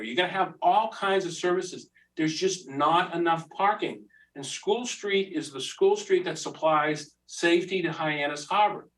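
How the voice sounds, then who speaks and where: A man's voice: fairly high pitch, recorded from a distance, rough recording. A man giving a heated public comment at a planning board hearing, with many fillers and restarts. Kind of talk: public comment at a town meeting. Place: town meeting room.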